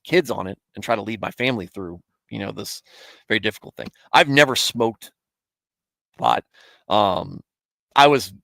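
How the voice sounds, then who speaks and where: A man with a fairly low voice talks in a loose, rambling way, starting over mid-sentence and chuckling now and then. His thirties show in his tone as he answers viewers on a casual live stream. The sound is dry and close to the mic. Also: creaky, a bit bright, no room sound. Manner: rambling, self-correcting, chuckles often. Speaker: streamer hosting a Bible show.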